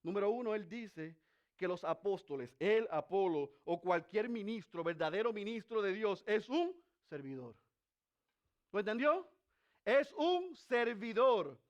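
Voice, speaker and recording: A man preaching an expository sermon, putting rhetorical questions to the congregation and swinging between raised, emphatic passages and very quiet, low ones. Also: clear, resonant tone, lo-fi sound.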